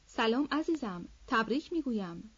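A woman's voice: fairly high pitch, animated, husky. A woman doing a stiff, condescending lady guest. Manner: condescending baby-talk. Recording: slightly dull lo-fi audio.

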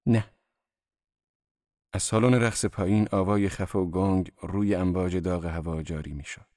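A man with a very low voice narrates an audiobook in a steady, measured way. The sound is dry and close to the mic, with no room echo.

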